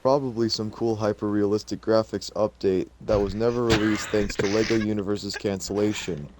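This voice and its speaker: A young man reading a horror story aloud with friends, steady and plain with small slips. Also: on the low side, moderate pace, background noise. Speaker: co-host reading a creepypasta aloud. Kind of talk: casual group reading of a story.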